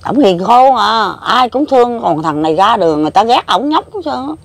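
A woman's voice: a little high, lively intonation, a little fast, gravelly. A woman in her seventies with a Mekong Delta accent, telling her story in a plain-spoken, repetitive, emotional way. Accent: Southern Vietnamese, Mekong Delta. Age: 70s. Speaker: interviewee. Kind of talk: casual rambling recollection.

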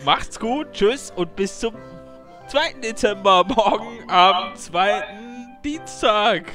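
A man hosting a casual, excited gaming chat over voice chat. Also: sits high, takes it slowly. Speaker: host. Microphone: voice chat over a game. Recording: music behind the voice.

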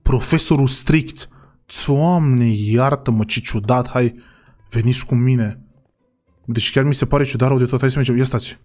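A man playing a father in a role-play game, talking excitably and often saying "God forgive me". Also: mid-range voice.

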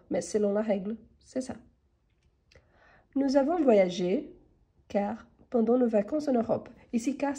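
A woman's voice: medium pitch, mellow. A woman teaching French grammar online, patiently reading each exercise sentence and then explaining the rule, her voice congested from a cold. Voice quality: husky.

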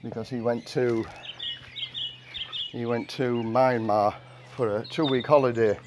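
Washing his car in a house's outdoor carport, an older English vlogger rambles through stories in a flat, monotone voice. His voice is mid-range and unhurried. Audio comes from a camera mic several meters off, with birds singing, rural outdoor sounds and a noisy background.

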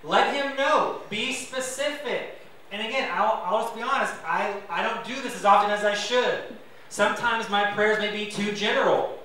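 A man's voice: high voice, normal speed, pushed and bright, very echoey, distant mic, a little hiss or hum, poor audio. A man preaching a sermon to his congregation as pastor, conversational and self-deprecating, with asides to the listeners. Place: church sanctuary.

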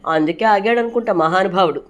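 A woman's voice: medium pitch, brisk, highs cut off, close to an everyday voice. Sheepish male henchman, whiny and chatty, read by a woman narrator.

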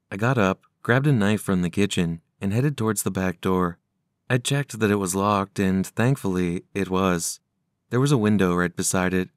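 A man narrating scary stories from a script in a measured, serious way. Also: lowish voice, smooth, dry recording, studio quality. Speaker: horror story narrator. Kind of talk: scripted horror story narration.

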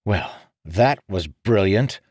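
A man's voice: mid-range voice, very animated, a little slow, no echo, studio quality, voice pushed up. A man voicing a curt young nobleman. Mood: impatient. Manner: curt, frowning. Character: impatient young nobleman, blunt and sharp-tongued.

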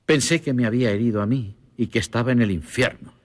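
An actor narrating a dubbed western as a grown son calmly recalling the past, with a husky voice. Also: male voice, medium pitch, fast talker, dry recording, close to an everyday voice. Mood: reflective.

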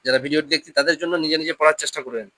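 A Quran reading teacher giving a patient lesson, drilling pronunciation call-and-response, often repeating questions and slowing down to model each word. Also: mid-range voice, steady tone, sharp tone, no echo.

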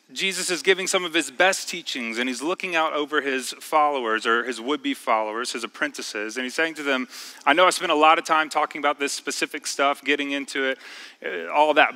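Guy preaching in church, bright clear voice, chatty but slows way down on the big points. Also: medium pitch, poor audio. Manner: conversational preaching with slow emphatic stresses. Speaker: pastor. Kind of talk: sermon. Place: church sanctuary.

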